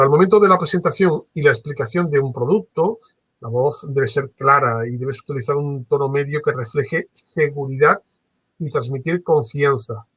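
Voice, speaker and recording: Husky man giving a lively lecture. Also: medium pitch, no echo, rough recording. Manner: animated, varies his tone on purpose, uses many fillers. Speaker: trainer. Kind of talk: workshop lecture on phone customer service.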